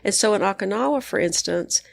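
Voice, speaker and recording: A woman's voice: medium pitch, a little fast, vocal fry. A middle-aged woman with a West Texas accent speaking conversationally as an interview guest, earnest, encouraging and emphatic. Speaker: psychiatrist and coach interviewed as guest.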